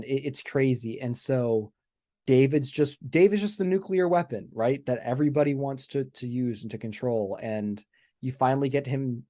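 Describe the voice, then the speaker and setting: Man, mid-pitch, chatty podcast co-host, enthusiastic with restarts. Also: mellow. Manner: enthusiastic, many restarts and "right?" asides. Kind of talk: casual podcast discussion.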